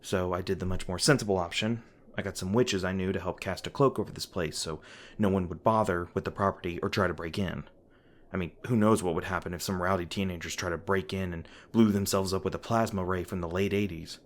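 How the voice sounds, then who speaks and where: In an audio roleplay, a man voices a weary, guarded monster hunter who is gruff but caring, speaking one-sided to the listener in a halting, sardonic, sweary way. His deep voice is steady and close to everyday speech, with a wry, casual mood. Noisy ambient sound effects play behind him.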